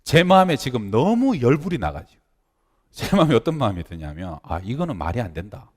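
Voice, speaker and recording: Animated male pastor preaching in a reverberant hall. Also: mid-range voice, a little fast. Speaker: senior pastor. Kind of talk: sermon. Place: church sanctuary.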